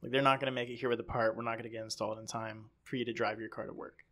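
A man's voice: mid-range voice, little pitch movement, very fast, bright, forceful tone. A man co-hosting a podcast in casual chat, rambling and acting out quoted people as he tells stories. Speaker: podcast co-host.

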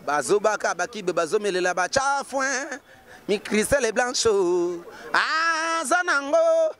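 A man, a music animator who chants rhythmic shout-outs and then talks casually. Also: high voice. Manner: rapid rhythmic chanting of names, mixing Lingala and French.

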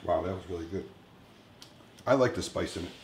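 In a commercial-style indoor kitchen, a chef in his fifties hosts a casual cooking show, chatting informally to viewers at home in a low-pitched, slightly fast voice. The room is echoey, with some background noise and kitchen clatter.

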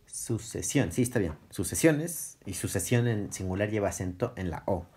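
A middle-aged man with a fairly low, darkish voice and a breathy edge speaks at normal speed with lively intonation. He's a math teacher giving a casual recorded classroom lecture, thinking aloud, correcting himself as he goes, and chuckling at his own slips.

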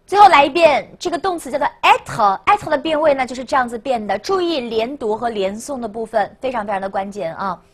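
A woman teaching a language lesson, coaxing and repeating words slowly for students to echo. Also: a little high, lively intonation. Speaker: French teacher.

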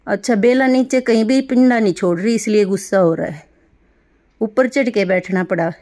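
A middle-aged woman talking baby talk to her pet rabbit, coaxing and doting in a sing-song way with soft laughs. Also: mid-range voice, moderate pace. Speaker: pet vlogger caring for rescued animals.

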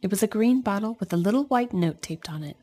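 A woman reading a children's storybook aloud in an expressive storytelling manner, speaking to young listeners. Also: mid-range voice, fast. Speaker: storybook reader.

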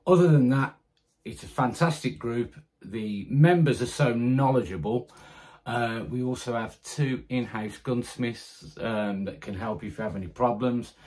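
A man's voice: medium pitch, unhurried, darkish tone. A middle-aged British man talking casually to camera about his airgun group, chatty and enthusiastic, with many fillers and restarts. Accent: British English. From United Kingdom. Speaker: airgun community group founder. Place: small indoor room with guns on the wall. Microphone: camera close in front.

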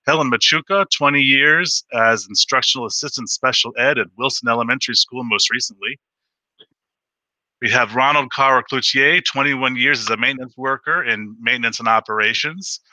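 A middle-aged man in an office reading out retirees and their years of service in a steady, plain way over a headset on a video call. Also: medium pitch, no room sound, poor audio. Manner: steady, plain, listing names. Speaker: school district administrator. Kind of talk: formal ceremony remarks on a video call. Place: small office indoors.

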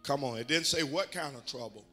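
A man's voice: medium pitch, a little fast, pushed and bright, faint music behind. An older man preaching a sermon as bishop in a church, folksy and full of amens, building to emphatic exhortation. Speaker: bishop and pastor. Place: church sanctuary.

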